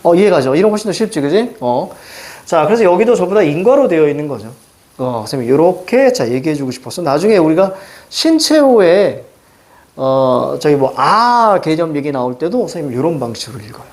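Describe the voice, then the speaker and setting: A middle-aged man teaching a reading lesson, quizzing students with quick questions and a repeated "now". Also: fairly high pitch, sing-song, darkish tone. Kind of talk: recorded lecture explaining a reading passage.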